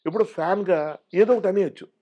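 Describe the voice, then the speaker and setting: A man speaking, an actor talking as an interview guest. He tells his stories with life, dropping his voice low and then jumping up high whenever he acts out what someone else said. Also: quick pace, highs cut off. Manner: animated storyteller acting out quoted voices. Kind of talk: casual storytelling interview.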